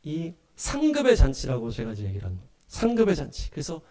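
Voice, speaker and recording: Animated pastor preaching a lively sermon. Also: male voice, a little high, fast. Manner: animated, acts out voices and laughs often. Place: small church hall.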